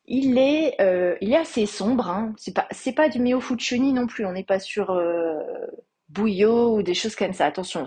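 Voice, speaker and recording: Breathy French woman reviewing perfumes. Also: medium pitch, darkish tone. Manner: hesitant, many fillers, enthusiastic about scents. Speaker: podcast host reviewing perfumes. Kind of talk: casual spoken review.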